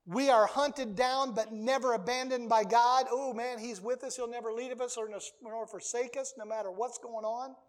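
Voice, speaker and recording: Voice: mid-range voice, steady tone, normal speed, few pauses. A preacher delivering a sermon, reading scripture aloud and driving points home by repeating key phrases.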